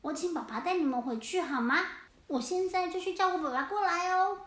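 A kind little penguin child, eager and helpful, chatters in a high, hurried voice, acted by a woman reader. The sound carries a noticeable room echo. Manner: bright, hurried and caring.

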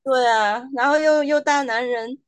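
A woman chatting as a podcast guest, telling her own story with animated quoted asides. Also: high-pitched, smooth, dry recording. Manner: animated storytelling, quoting others in quick asides. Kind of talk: casual chat.

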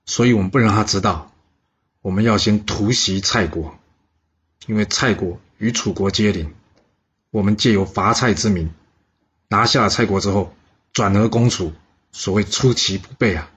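A calculating chief minister lays out his plans in a measured, persuasive tone, as a man voices him. His voice is low and husky. The sound is muffled and lo-fi. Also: a bit bright. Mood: advising. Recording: dull lo-fi recording.

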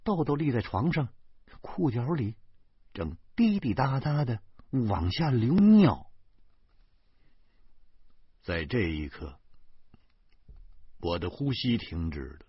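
A man's voice: medium pitch, breathy edge, dry recording, muffled recording. A man narrating a comic novel as an audiobook, with wry, exaggerated self-pity.

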